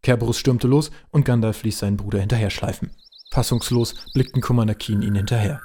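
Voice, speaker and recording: A man narrating a hobby audio drama in a plain, steady storytelling way. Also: medium pitch, fast talker, a little hiss or hum.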